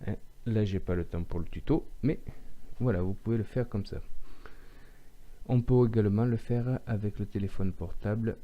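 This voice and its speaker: A man with a regional French accent, a teacher showing software step by step in a screen-recorded tutorial and reading punctuation aloud as he dictates. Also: fairly low pitch, normal speed, highs cut off.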